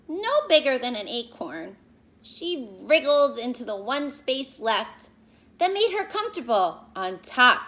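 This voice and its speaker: Reading to her class, a woman teacher uses a high voice at a slow pace, with a slightly bright tone. She addresses the children directly and stops to explain words, turning the expressive read-aloud into a lesson.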